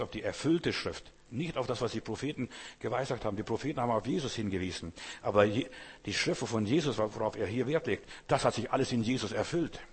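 A man's voice: on the low side, slightly rough. A man preaching a sermon, speaking directly to the listener with emphatic repetition. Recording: long hall reverb.

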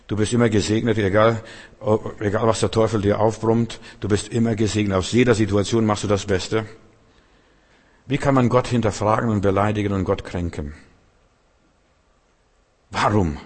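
A male preacher with a fairly low voice drives his sermon forward in emphatic, repeating phrases. Every line rings out with a long hall reverb. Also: fairly even intonation, moderate pace, pauses often, a little mellow. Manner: emphatic, repetitive, exhorting.

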